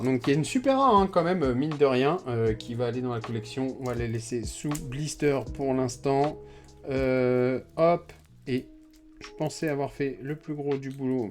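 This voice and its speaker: A man giving casual, chatty commentary as he opens card packs, often hesitating and trailing off. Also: mid-range voice. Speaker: card collector opening packs.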